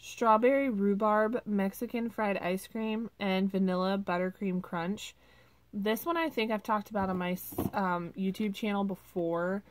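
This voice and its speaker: A woman's voice: medium pitch, a little slow, slight background noise. Chatty woman gushing over wax scents. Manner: chatty, gushing, with many ums and likes. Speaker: vlogger reviewing wax melts. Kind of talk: casual product review.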